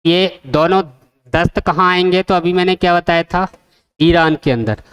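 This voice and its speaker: A man's voice: high-pitched, steady tone, normal speed, a bit bright, clean tone. A man teaching an exam-prep geography lesson, asking the class questions and repeating the answers. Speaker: coaching teacher.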